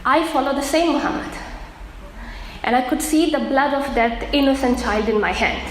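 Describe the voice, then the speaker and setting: A woman from Afghanistan giving an earnest personal testimony, pausing often with fillers. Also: high voice. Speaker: testimony speaker. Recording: echoey room with faint noise.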